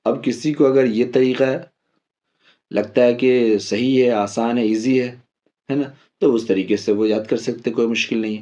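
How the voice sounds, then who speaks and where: A man's voice: medium pitch, steady tone, warm tone, muffled recording. Patient man teaching Quran reading. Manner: patient, spells out letters slowly and repeats drills. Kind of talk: step-by-step Quran lesson.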